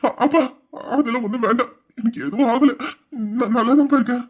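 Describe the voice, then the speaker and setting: A man's voice: high-pitched, fairly quick. A man playing a devoted young adult son who speaks earnestly and emotionally to his father. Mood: tearful, earnest. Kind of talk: audio drama acting.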